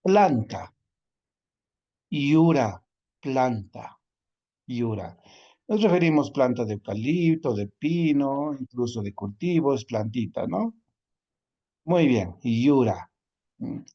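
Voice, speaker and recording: A man's voice: mid-range voice, lively intonation, slow pace, muffled recording. A man teaching a language class, repeating each word patiently and checking in often with his students. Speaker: Quechua teacher. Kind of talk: online class lesson.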